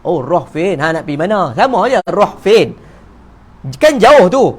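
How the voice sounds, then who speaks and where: High-voiced Malaysian religious teacher. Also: male voice, a little slow, husky. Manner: lively, joking, acts out little dialogues. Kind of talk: evening mosque talk. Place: neighbourhood prayer hall.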